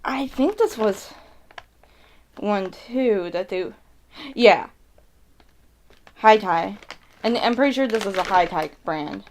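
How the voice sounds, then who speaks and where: A woman's voice: medium pitch, animated, slow pace, long pauses. Rambling woman chatting casually over noise. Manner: rambling, thinking aloud, self-correcting. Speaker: mukbang host reviewing snacks. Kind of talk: casual vlog chat to viewers.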